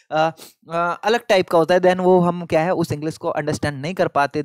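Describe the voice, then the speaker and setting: A man lecturing on an exam paper, reading English passages slowly and explaining them in chatty Hindi full of fillers. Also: fairly high pitch, no room sound, studio quality.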